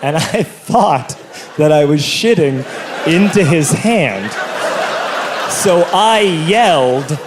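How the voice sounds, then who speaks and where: A man telling a stand-up comedy story in an animated, theatrical way, moving between loud bursts and low asides. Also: takes it slowly, a crowd in the background, noisy background.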